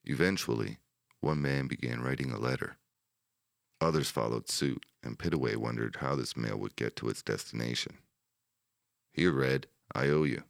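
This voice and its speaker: A man narrating a wartime history audiobook in a steady, measured manner. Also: very deep voice, gravelly, no room sound, clean studio sound.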